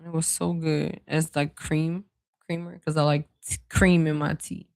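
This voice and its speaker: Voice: medium pitch, little pitch movement, a little slow, vocal fry, dry recording. An intuitive card reader giving a casual spiritual reading, rambling and chatty with many fillers, talking straight to the viewers. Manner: talks straight to viewers as "y'all"; breaks off into side remarks and laughter.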